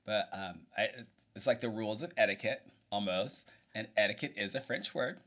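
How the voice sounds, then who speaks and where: A man's voice: lowish voice, normal speed, a bit bright. A man hosting a podcast interview, chatting casually and laughing often. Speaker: podcast host.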